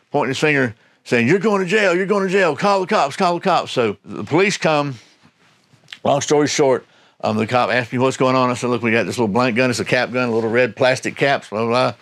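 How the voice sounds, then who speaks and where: A man's voice: mid-range voice, a bit bright. A man hosting his channel, telling a personal story in a rambling, conversational way that often corrects itself. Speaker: channel host. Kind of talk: casual storytelling monologue.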